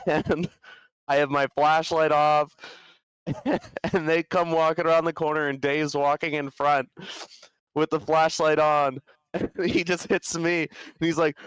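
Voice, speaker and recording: A man's voice: fairly high pitch, a bit bright, smooth, no echo, poor audio. A young man co-hosting a podcast, telling a story casually, laughing often and swearing freely. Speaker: podcast co-host. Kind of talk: casual chat.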